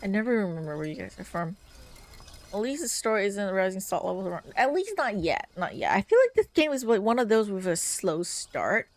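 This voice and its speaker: A woman's voice: mid-range voice, animated, a little fast, darkish tone. A young woman streamer giving casual let's-play commentary, tired and rambling with lots of fillers. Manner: chatty, rambling with many fillers. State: tired, yawning. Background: game music.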